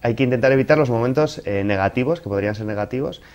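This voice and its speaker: A man's voice: mid-range voice, fast, darkish tone, muffled recording. A man from giving relationship advice in an interview, explaining things didactically through examples.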